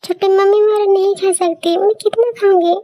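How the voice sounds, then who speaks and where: A woman's voice: very high-pitched, steady tone, moderate pace, over music, voice pushed up. A woman doing a whiny, pampered little sister. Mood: sulky. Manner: whiny, pouty.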